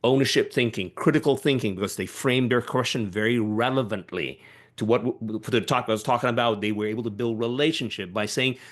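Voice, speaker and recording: A man from Malaysia, giving an emphatic, animated panel talk over a video call, with frequent restarts. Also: mid-range voice, brisk. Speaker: panel speaker.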